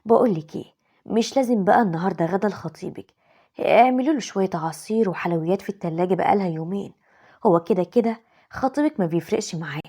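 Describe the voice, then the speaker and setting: A woman voicing a sly Egyptian mother-in-law who coaxes with sugary words. Her breathy, mellow voice moves quickly. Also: medium pitch. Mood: coaxing.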